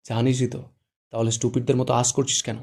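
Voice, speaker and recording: A man voicing a stern, possessive young man who answers gravely in curt, deadpan lines, read as audiobook dialogue. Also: medium pitch, fast.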